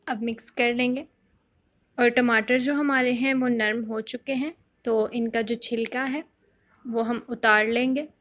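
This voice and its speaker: A woman hosting a home cooking channel, calmly explaining a recipe step by step in a voice-over. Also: on the high side, a little slow. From Pakistan. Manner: calm step-by-step instruction.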